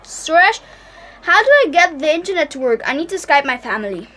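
A woman's voice: high voice, very animated, fairly quick, a bit bright, low-quality recording. A woman playing a grumpy, fussy English father on holiday, complaining and exasperated, in an acted comedy drama. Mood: grudging.

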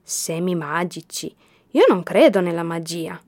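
A woman's voice: on the low side, animated, measured pace, a little mellow. A woman voicing a sick young boy in a wheelchair who is skeptical at first and later overjoyed, in a storybook reading. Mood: glum.

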